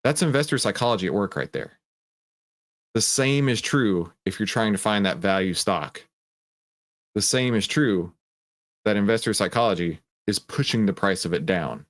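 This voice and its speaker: Speaking at a moderate pace with a fairly low, expressive voice, a male host runs a live stock trading stream full of casual market talk with his viewers. His style is conversational and emphatic: he explains, poses and answers his own questions, and keeps checking in with "right?"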